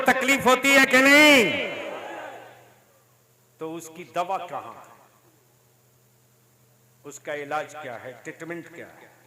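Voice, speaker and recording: A man preaching a fiery sermon at a large religious gathering, calling out to the crowd and rising to shouts. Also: high voice. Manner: rousing, calls out to the crowd, rises to shouting. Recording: crowd noise behind the voice.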